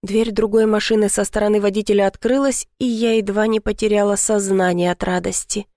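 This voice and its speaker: A woman's voice: medium pitch, fairly even intonation, brisk, warm tone, no echo, clean studio sound. Woman narrating a tense first-person story. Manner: tense, dramatic reading with voiced dialogue. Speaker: audiobook narrator.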